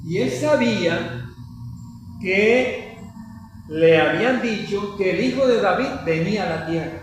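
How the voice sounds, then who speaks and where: A man retells scripture as a story in a relaxed teaching chat, often turning to his co-host for agreement. His voice sits high for a man. The sound is very echoey and a little distant, with a faint hiss behind it. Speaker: Bible study host. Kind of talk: conversational Bible teaching.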